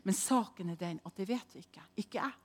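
A woman preaching a sermon, telling a personal story dramatically and moving between hushed and loud delivery. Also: mid-range voice.

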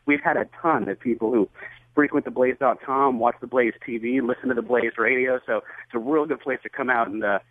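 A man's voice: medium pitch, fairly even intonation, brisk, no echo. A man, a morning radio co-host, calling in and chatting in a friendly way with a few stammered restarts. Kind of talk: casual chat over the phone. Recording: tinny phone line.

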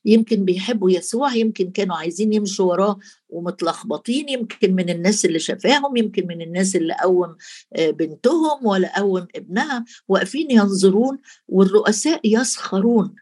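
An Egyptian woman preaches in a casual, conversational way. She turns to the listener again and again as she goes. Her voice is husky and sits at a middle pitch. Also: expressive, fast, a little mellow. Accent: Egyptian Arabic. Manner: conversational, addresses listener directly. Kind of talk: sermon.

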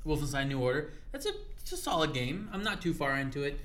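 A man's voice: a little high, very animated, quick pace, a bit bright. A young man hosting a podcast who talks casually about games, swears, and acts out scenes as he tells them. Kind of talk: casual gaming chat.

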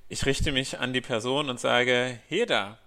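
A man's voice: mid-range voice, level tone, a little slow, creaky, pushed and bright. Male player, matter-of-fact actions. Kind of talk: casual tabletop role-play.

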